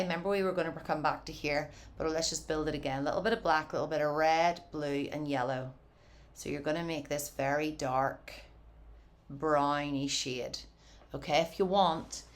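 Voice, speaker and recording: A woman giving a casual, encouraging painting tutorial from her studio, chatty and often saying "wee". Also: deep voice. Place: home art studio.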